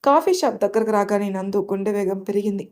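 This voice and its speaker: A woman storyteller giving a calm, scripted narration of a love story. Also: mid-range voice, quick pace.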